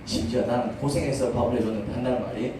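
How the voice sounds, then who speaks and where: A man's voice: mid-range voice, steady tone, racing, heavy reverb, far from the mic, noisy background. A male pastor preaching a sermon in a church, speaking conversationally and asking the congregation many questions. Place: church sanctuary.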